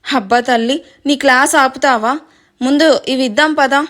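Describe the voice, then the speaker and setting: A woman's voice: high voice, moderate pace, a bit bright. A woman reading the lines of a playful, impatient rich young man who scolds. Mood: scolding.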